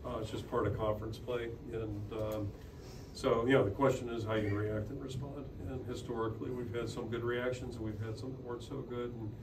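An older man, head coach at a postconference podium, answers postgame press conference questions fairly quickly, plain-spoken with many restarts and a flat, even pitch. The press room, with a logo backdrop, echoes with steady noise, and the podium mic sits a little off, giving a roomy, slightly distant, noisy recording.

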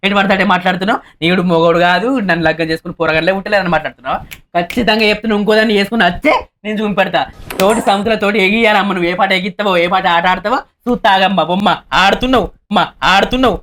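A man's voice: high voice, fairly even intonation, racing, a bit bright. A man acting a village husband in a comedy short film, grumbling to himself in long monologues. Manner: rustic, complaining monologues to himself. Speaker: actor playing a village husband.

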